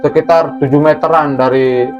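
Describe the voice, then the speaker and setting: A man's voice: fairly high pitch, normal speed. A man telling a true horror story in casual talk, acting out screams and crashing sounds. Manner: animated, acts out screams and sounds. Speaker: guest storyteller. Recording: muffled audio with music underneath.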